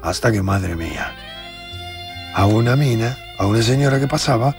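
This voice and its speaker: A man's voice: fairly low pitch, animated, moderate pace, music in the background. A man in his seventies with a Rioplatense Spanish accent tells a comic childhood story, insisting on his point and acting out the scenes. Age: 70s. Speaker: storytelling guest. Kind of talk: comic anecdote on a talk show.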